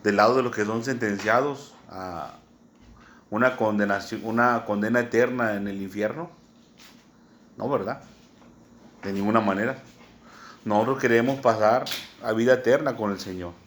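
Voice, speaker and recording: A man with a Mexican accent preaching a sermon, teaching slowly and often checking in with "¿verdad?". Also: lowish voice, a bit bright, slight background noise. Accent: Mexican Spanish. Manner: unhurried teaching tone, many "¿verdad?" asides, spells words out.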